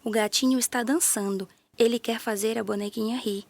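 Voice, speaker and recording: A woman with a Brazilian Portuguese accent narrating a children's story in a gentle, playful way, with little sound effects. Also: fairly high pitch, steady tone, a little fast, vocal fry, no room sound.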